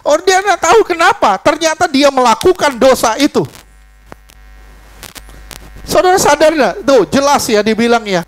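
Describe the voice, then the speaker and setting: A middle-aged male preacher with a high-pitched voice delivers a lively, informal sermon. He swings between telling stories and throwing questions straight at the people in front of him. His tone stays conversational, even while he preaches. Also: moderate pace, pauses often. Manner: animated, fires rhetorical questions at the congregation; switches between preaching and storytelling.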